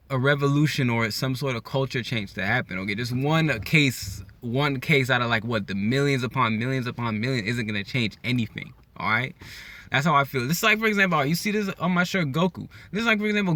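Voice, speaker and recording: A young man from California ranting in a casual opinion vlog, animated and repetitive, full of slang, often checking in with "okay?". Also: medium pitch, no room sound. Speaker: YouTuber vlogging his opinion.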